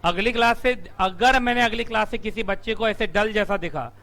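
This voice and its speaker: Bright-voiced teacher bantering with his class. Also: sits high, moderate pace. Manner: teasing, asks the class questions and answers them himself. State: strained throat from shouting. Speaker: company law teacher. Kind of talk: live classroom lecture. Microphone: room mic.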